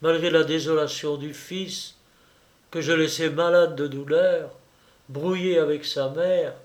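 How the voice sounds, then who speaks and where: Man narrating a classic novel, measured. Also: a little high, steady tone. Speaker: audiobook reader. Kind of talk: scripted literary narration.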